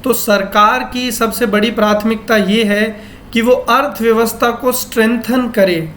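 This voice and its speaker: A man teaching English grammar from a newspaper text. He asks his class questions and answers them himself, and he reads the English sentences out slowly, word by word. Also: very high voice, steady tone, a bit bright, slight background noise.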